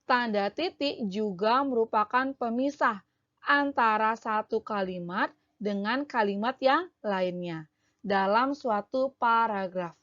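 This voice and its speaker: A woman's voice: on the high side, slow, a bit bright, dull audio. A woman teacher explaining a language lesson for young schoolchildren, carefully and step by step, often starting with "nah" and "jadi".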